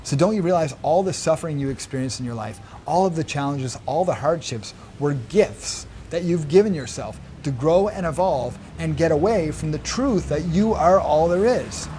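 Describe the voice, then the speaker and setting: A man quoting a gentle feminine plant spirit in his own voice, soft, patient and solemn. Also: a little high, animated, moderate pace, hardly any pauses, slight background noise, lightly acted.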